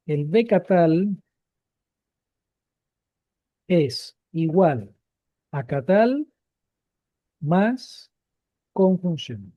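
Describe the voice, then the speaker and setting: A man's voice: sits high, sing-song, very slow, dark tone, highs cut off. A man teaching a live Biblical Hebrew grammar class, explaining patiently and repeating each key point.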